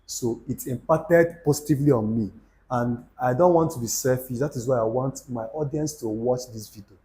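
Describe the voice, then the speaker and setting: Warm and mid-range at a normal speed, this young Igbo-accented Nigerian man hosts a YouTube channel and delivers motivational talk to camera. His style is preachy and repetitive, with Pidgin asides sprinkled in.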